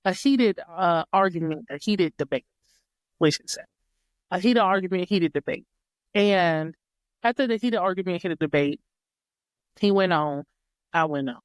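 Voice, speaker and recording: On a podcast, a female guest shares a personal story in a low-leaning voice with lively intonation, taking her time and pausing often. The recording has no room sound, and her reflective, casual telling circles back through repetition and rephrasing.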